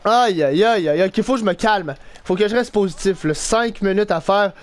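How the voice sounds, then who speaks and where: A young man with a Québécois French accent giving excitable live commentary over his own hockey video game, swinging between groans and shouts. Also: sits high, normal speed. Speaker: gaming YouTuber.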